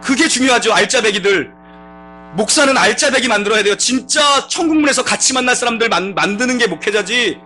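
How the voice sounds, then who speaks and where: A man preaching as pastor in a church, moving from chatty storytelling to loud, fervent exhortation. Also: extremely high pitch, expressive, brisk, faint music behind. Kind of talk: sermon with humorous anecdote. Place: church sanctuary.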